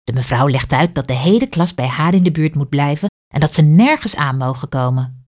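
A woman's voice: deep voice, brisk. A woman, reading a children's story aloud expressively. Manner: clear, expressive read-aloud.

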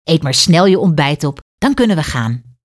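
A woman voicing an amused caring mother, teasing and brisk. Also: low voice, very animated.

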